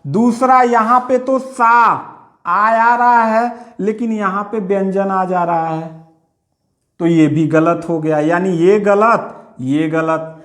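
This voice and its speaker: A man's voice: high-pitched, slow pace. A male teacher giving an exam-prep grammar lesson, explaining step by step and repeating his own questions back to the listener.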